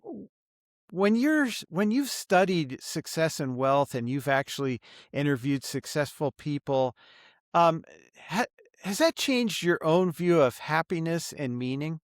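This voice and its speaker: A man's voice: fairly high pitch, no echo, clean studio sound. A male show host asking questions in a hesitant, complimentary way. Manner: slow, complimentary, hesitant starts. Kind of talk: interview questions.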